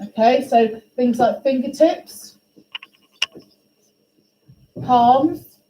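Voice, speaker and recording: A woman teaching a music class, questioning and encouraging her students in a brisk way. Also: sits high, warm tone. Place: school classroom. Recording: echoey classroom, faint ambience.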